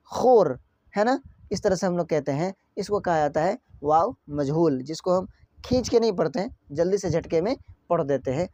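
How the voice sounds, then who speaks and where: A man's voice: high-pitched, mellow, dry recording, highs cut off. A man teaching an online grammar lesson, stretching out example words and asking his students questions again and again.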